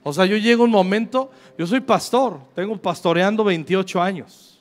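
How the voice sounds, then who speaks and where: A man's voice: high voice, normal speed. A Mexican man in his fifties, a pastor preaching to a congregation in a joking, slangy, conversational way and reading scripture aloud. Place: church service.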